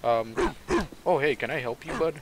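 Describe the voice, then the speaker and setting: A let's play commentator in a very noisy recording gives casual, profane, joking commentary while playing a video game, often chuckling to himself. His voice is medium-pitched at a normal speed.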